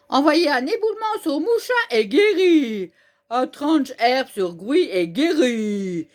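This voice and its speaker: A woman reading the lines of a calm, wise older male mountaineer trainer from a manga, in a measured mentor tone. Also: sits high.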